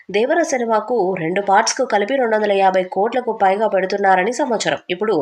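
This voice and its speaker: A woman narrating scripted entertainment news in a brisk, even newsreader manner. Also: mid-range voice.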